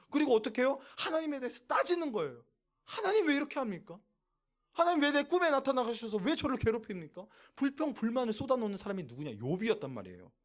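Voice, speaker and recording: A man preaching a sermon at a church youth service, asking the young listeners questions and answering them himself. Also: sits high. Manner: animated, asks the audience questions and answers them. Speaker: youth pastor. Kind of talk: sermon to teenagers. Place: church youth service, also streamed online.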